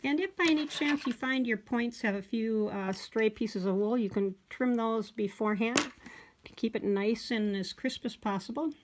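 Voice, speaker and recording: A woman teaching wool appliqué stitching step by step, talking in a relaxed, folksy way with many fillers and homey expressions. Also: fairly high pitch, moderate pace, noisy background. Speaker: sewing instructor. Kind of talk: hands-on craft tutorial.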